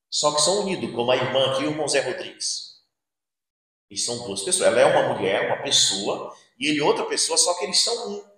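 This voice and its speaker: A man preaching a sermon in a church, swinging between loud outbursts and hushed asides and acting out the voices he quotes. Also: a little high. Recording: very echoey church hall.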